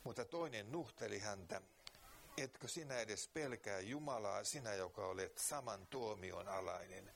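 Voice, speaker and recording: A man preaching, reading scripture aloud slowly and earnestly, then praying, with occasional fillers. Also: fairly low pitch, slight background noise. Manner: slow, earnest Bible reading with pauses and fillers.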